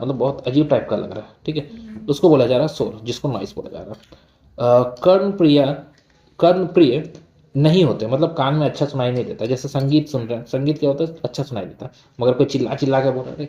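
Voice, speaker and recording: Mellow-voiced teacher in an echoey room. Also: male voice, medium pitch, dull audio. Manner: reads textbook lines slowly, then explains casually with questions he answers himself. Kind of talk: line-by-line textbook lesson.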